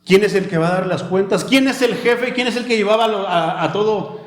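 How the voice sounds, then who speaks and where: A man preaching a sermon, calling listeners "my brother" and slowing down to read scripture. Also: high voice. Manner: addresses listeners as "mi hermano", slows for scripture. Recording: echoey room.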